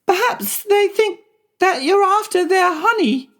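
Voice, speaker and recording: A man's voice: very high-pitched, expressive, measured pace, a bit bright, pitched above the performer's own voice, heavily acted. A man voicing a mild, kindly, trusting young boy in a dramatized children's storybook. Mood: helpful.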